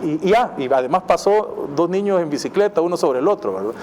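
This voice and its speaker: A man's voice: fairly high pitch, lively intonation, brisk, darkish tone, slight background noise. A man from El Salvador with a Salvadoran accent, a guest on a TV interview, talking enthusiastically and rambling with many fillers. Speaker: guest, city mayor. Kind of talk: casual TV interview.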